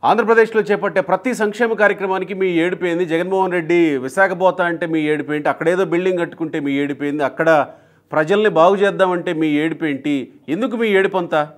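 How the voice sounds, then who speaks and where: Guy interviewer on a news channel, kinda high voice, keeps needling the guest. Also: fast. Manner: provocative, needling questions. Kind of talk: political interview.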